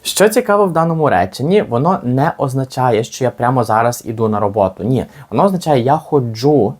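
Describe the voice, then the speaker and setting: A man with a Ukrainian accent teaching an English lesson, explaining patiently and saying model phrases slowly for learners to repeat. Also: medium pitch, animated, a little mellow, husky. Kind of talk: language lesson with slow repetitions.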